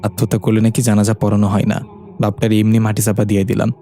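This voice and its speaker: A man's voice: lowish voice, completely flat delivery, fast talker, dark tone, natural voice. A man voicing a timid young petty thief, humble and frightened as he tells his story. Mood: fearful retelling. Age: 20s.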